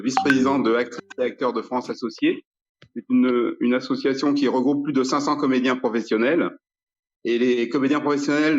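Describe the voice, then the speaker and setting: Through dull, lo-fi audio, a man with a mid-range voice gives casual interview answers. He speaks haltingly, repeating words, and his Rs are not fully pronounced. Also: medium pitch. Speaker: interview guest, speaker and actor.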